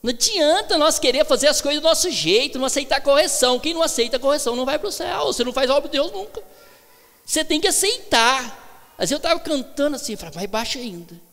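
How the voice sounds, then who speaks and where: A man from Brazil preaching a sermon as pastor, swinging between loud calls and hushed asides, on a handheld mic in a church hall. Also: very high-pitched, lively intonation, fast. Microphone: handheld microphone.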